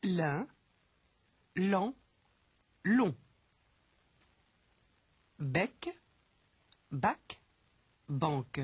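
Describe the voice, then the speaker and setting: Woman, deep husky voice, very slow, careful enunciation, lively pitch. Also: no echo. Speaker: language course speaker. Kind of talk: slow, clearly read pronunciation drill.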